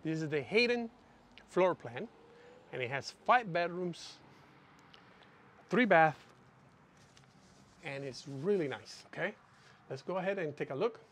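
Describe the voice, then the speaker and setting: A man's voice: on the high side, expressive, measured pace, pauses often, a bit bright. A man working as a real estate agent, giving a casual walk-through home tour with informal sales patter, often tagging his phrases with "okay". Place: indoors, walking through an empty new house. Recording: echoey empty-house reverb.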